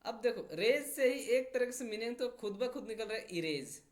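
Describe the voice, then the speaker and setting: A man teaching a grammar lesson whose pitch rises and falls a lot as he explains. He moves point by point and checks in after each one. He reads example sentences slowly and deliberately. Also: expressive. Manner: explains step by step, repeating "theek hai" after each point.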